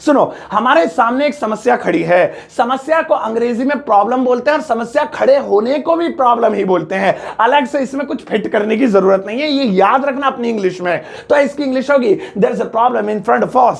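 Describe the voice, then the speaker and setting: A man with an Indian accent teaching spoken English in a chatty, joking way, slowing down to say each English sentence clearly. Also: extremely high pitch, lively intonation. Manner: jokey, chatty, slows down to spell out English sentences. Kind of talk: spoken English lesson in Hindi.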